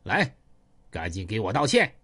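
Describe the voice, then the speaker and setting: A gruff, hot-tempered thug, voiced by a male storyteller. He talks belligerently, and his pitch moves with great animation. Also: very animated, moderate pace, bright, forceful tone, full character voice. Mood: furious. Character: hot-tempered limping male gang member.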